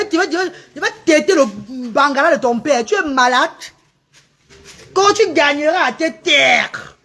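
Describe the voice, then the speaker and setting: A woman, ranting at commenters in a live stream, mocking and insulting them between updates about her charity restaurant. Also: high-pitched. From Cameroon. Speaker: livestreamer running a charity restaurant. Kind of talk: live-stream rant and chat.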